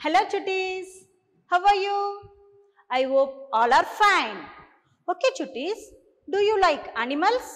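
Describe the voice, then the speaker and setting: A woman teacher with a Tamil accent giving a bilingual lesson to young children, slow and coaxing, repeating each line in two languages. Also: very high voice, a bit bright, long reverb tail.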